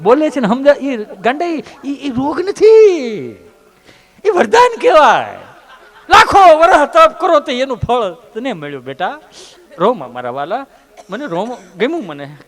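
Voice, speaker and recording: A man voicing a tender, fatherly male doctor who soothes a weeping patient and repeats his words of comfort. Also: high voice.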